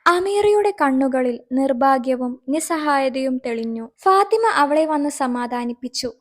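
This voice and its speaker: High-voiced woman narrating a story. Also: lively intonation, unhurried.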